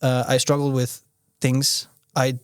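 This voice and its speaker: In a casual interview, a young man raised in Austria talks as a podcast guest, halting and restarting often while leaning on "you know." His smooth, monotone voice sits at a middle pitch for a man. The recording is close and dry, with no room sound or echo.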